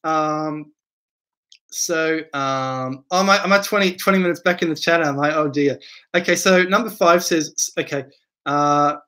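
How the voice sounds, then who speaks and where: A man's voice: on the high side, a little slow, pushed and bright. A man hosting a casual live stream, reading viewer questions from chat aloud and answering them in a rambling way, repeating words and using lots of fillers.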